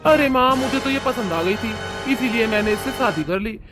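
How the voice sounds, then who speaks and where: A man's voice: very high-pitched, animated, moderate pace, loud music behind the voice. A man voicing a young husband who sides with his mother and lectures his wife. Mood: stern.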